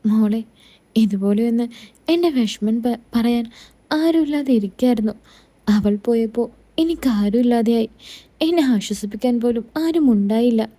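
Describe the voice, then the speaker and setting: A woman voicing a grieving, gentle widowed father-in-law, in a soft, tender, pleading manner. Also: on the high side, moderate pace, long pauses, close to an everyday voice. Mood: sorrowful.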